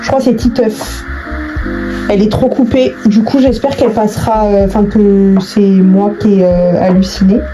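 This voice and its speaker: This craft tutorial host, a woman, speaks in a steady, medium-pitched voice at a moderate pace, chatting casually to viewers while making something. She hesitates, repeats herself and trails off often; the recording is low quality, with background music behind her.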